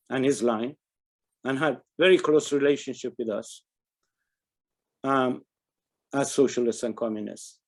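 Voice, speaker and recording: An older man from Iran, giving an earnest webinar talk as a panel speaker and recounting a memory, often restarting his phrases. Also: mid-range voice. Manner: earnest, with frequent restarts and fillers.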